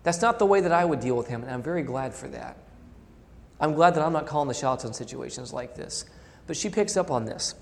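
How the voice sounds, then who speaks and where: Lively high-voiced male preacher in a hall. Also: a little fast. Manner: reads quotations aloud, emphatic shifts between loud and soft. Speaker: pastor. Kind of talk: sermon.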